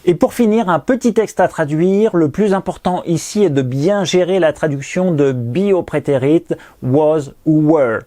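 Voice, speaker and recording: Slow, patient man teaching English. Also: on the high side, warm tone. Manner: patient, clear, repeats pronunciation drills. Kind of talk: recorded language lesson with explanations.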